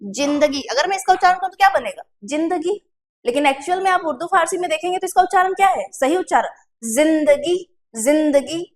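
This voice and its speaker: High-voiced woman teaching Hindi pronunciation. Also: expressive. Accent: Chhattisgarh Hindi. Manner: explains step by step, asking and answering her own questions; slows to drawn-out pronunciation drills. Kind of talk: exam-prep classroom lesson.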